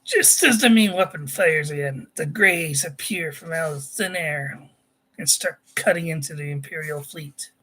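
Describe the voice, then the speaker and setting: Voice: medium pitch, unhurried, fairly bright tone, rough recording. An amateur author casually reading their own sci-fi story aloud, often stopping to correct themselves and add chatty asides.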